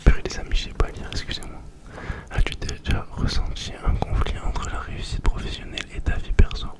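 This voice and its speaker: Young man, ASMR, breathy whisper, right in your ear, very close mic, informal chat. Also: brisk. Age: young adult. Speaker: ASMR video host. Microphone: very close to the microphone.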